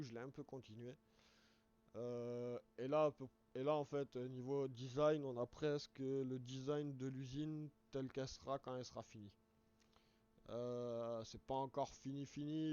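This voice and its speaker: Hoarse man streaming a game. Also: medium pitch, warm tone. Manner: rambling, restarts words, explains step by step. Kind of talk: casual live-stream game commentary. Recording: dull lo-fi stream audio.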